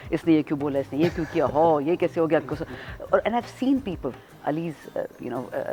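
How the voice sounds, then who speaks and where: Animated woman mixing Urdu and English. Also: low voice. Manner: switches freely between Urdu and English, animated and self-mocking. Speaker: guest, politician. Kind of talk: casual interview chat.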